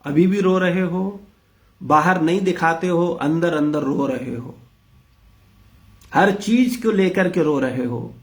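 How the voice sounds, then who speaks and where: A man's voice: a little high, slow pace, long pauses. A man leading an interactive spiritual discourse, blunt and rhetorical, questioning his listeners. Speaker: spiritual teacher leading a class.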